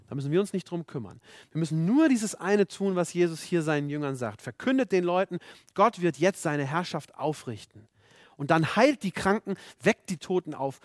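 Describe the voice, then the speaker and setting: A man's voice: a little high, dry recording, studio quality. A man preaching a sermon, earnest and emphatic, repeating rhetorical questions to his listeners.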